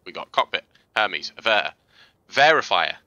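Man, gameplay tutorial commentary, casual and chatty, deep voice, dry close sound. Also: moderate pace, no room sound. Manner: relaxed, chatty explaining with fillers and restarts. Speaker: gaming video host.

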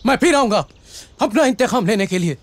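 A melodramatic, pleading wannabe actor. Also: male voice, high voice, animated, fairly quick. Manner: overwrought, pleading, filmi dialogue. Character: melodramatic struggling actor begging for a break. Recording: film soundtrack with loud background music.

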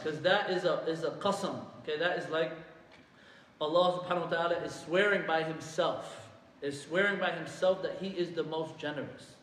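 A man teaching a religious lesson to a class, quizzing his students often and reciting Arabic verses quickly. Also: on the high side, a bit bright. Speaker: Islamic teacher. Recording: echoey hall from far off.

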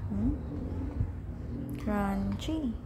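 A woman's voice: mid-range voice, very slow. A woman filming her pet and talking to it in coaxing, teasing baby talk. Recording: noisy background.

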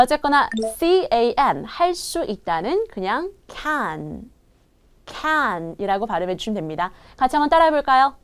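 A woman teaching English pronunciation in an online lesson, repeating short English phrases slowly for learners to copy. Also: a little high.

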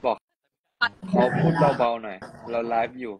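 A man talking casually on a live stream, lively and teasing. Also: mid-range voice, normal speed. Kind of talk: casual livestream chat. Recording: noisy background.

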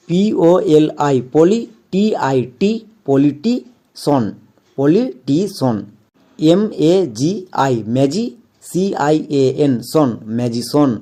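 A man's voice: fairly high pitch, dark tone. A man teaching English pronunciation in a video lesson, spelling words out letter by letter and repeating key rules. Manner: methodical, spells letters out one by one; repeats key points for emphasis.

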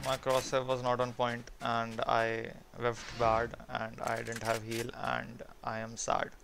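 A man's voice: medium pitch, monotone, takes it slowly, vocal fry, noisy background. A young Indian-accented man bantering casually on a game livestream, mixing English with Hindi. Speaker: game streamer. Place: indoor room at a streaming desk.

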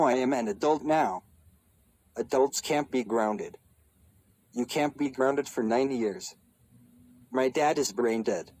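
A man voicing a bratty boy in a cartoon who grows into an old man, with a whiny, flat delivery. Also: mid-range voice, natural voice, poor audio. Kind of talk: cartoon voice acting.

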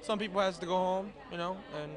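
A man with a slight accent joking through an interview in a playful, deadpan way. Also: sits high, fast talker. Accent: slight foreign accent. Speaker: interviewee, singing contestant. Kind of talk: joking red-carpet chat. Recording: crowd noise behind.

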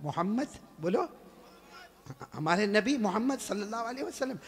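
A man preacher telling a story at a live religious gathering, swinging from hushed narration to shouted exhortation and calling on the crowd to answer. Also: high-pitched, big pitch swings, normal speed, husky, long reverb tail. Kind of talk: dramatic storytelling sermon.

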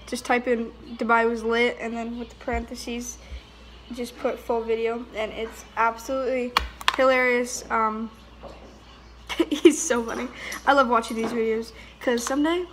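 A woman's voice: a little high, a little hiss or hum. A young woman giving casual, giggly reaction commentary in a room at home. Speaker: vlogger reacting to videos.

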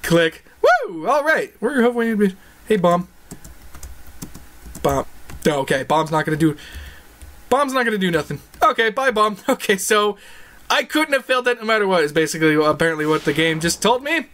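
A woman commentating her game playthrough, jokey and excitable, yelping and laughing. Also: medium pitch, normal speed, long pauses. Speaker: let's play gamer. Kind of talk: gaming commentary.

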